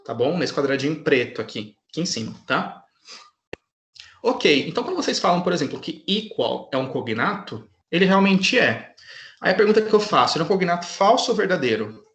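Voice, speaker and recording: A man's voice: a little high, very animated, brisk, fairly bright tone, reverberant. Patient male teacher on a video call. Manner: patient, checks in constantly with students. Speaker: English teacher. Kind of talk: online class lesson.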